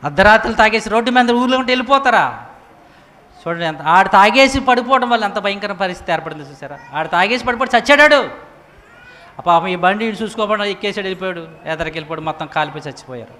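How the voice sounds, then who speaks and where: A man preaching a sermon with emphatic rhetorical questions, swinging from loud to hushed. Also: sits high, expressive, quick pace. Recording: echoey hall reverb.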